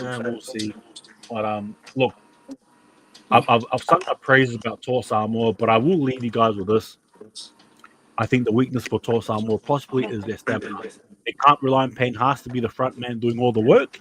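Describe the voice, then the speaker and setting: A man's voice: medium pitch, fairly even intonation, moderate pace, noisy background. Chatty man previewing rugby league. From New Zealand. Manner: chatty, repeats words and restarts often. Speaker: podcast host.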